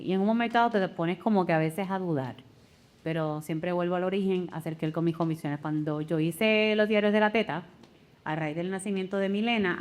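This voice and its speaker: A woman, a content creator on a panel, speaking candidly and with energy. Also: on the low side. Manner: animated, candid, laughs easily. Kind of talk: casual panel discussion.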